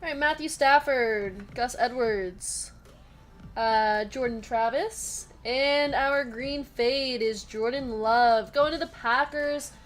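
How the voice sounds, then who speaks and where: A woman hosting a live sports card break, chatty and upbeat, reading out names and teams in quick lists and answering viewer comments. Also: on the high side. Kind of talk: casual live-stream chat while opening card packs.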